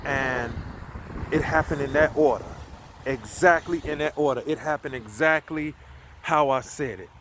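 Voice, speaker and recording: A man's voice: a little high, unhurried, background noise. Man rambling on a night walk. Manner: rambling, conversational, repeats himself. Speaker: vlogger. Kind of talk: casual spoken storytelling. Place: outdoors at night, walking.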